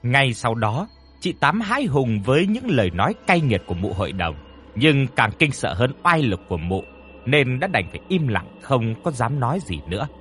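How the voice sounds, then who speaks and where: A man narrating a ghost story with an expressive, dramatic reading. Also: mid-range voice, moderate pace, slight background noise.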